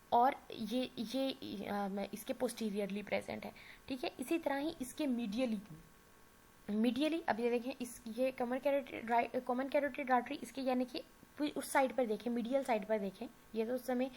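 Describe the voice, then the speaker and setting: Hoarse woman lecturing on anatomy. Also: a little high, darkish tone, rough recording. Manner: explanatory, often checks in with "theek hai"; mixes in English anatomy terms. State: sore throat. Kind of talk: recorded classroom lecture. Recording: faint background noise.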